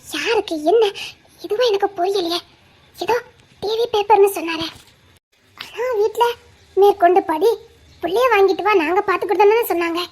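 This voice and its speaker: A young separated wife and student with a Tirunelveli Tamil accent, played by a woman, thinking aloud in a soft, musing voice. Her pitch is extremely high. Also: fast talker. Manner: musing, soft-spoken inner monologue.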